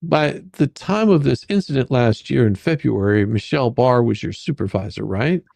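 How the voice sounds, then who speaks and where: A performer voices a sarcastic, relentless attorney grilling a witness in a dramatic deposition reading, using probing, halting, repetitive lines. The medium-pitched voice is expressive, creaky and slightly mellow, with a matter-of-fact mood. The recording is dry.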